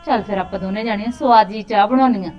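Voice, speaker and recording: A woman acting in a Punjabi village drama, talking in a soft, coaxing way. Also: medium pitch, fast talker, lo-fi sound, soft background music.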